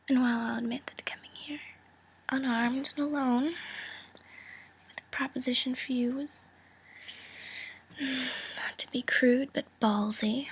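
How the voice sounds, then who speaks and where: A woman playing a cool, calculating female mobster in a whispered role-play, breathy, teasing and condescending, delivering a friendly threat. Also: sits high, exaggerated voice. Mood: persuasive menace.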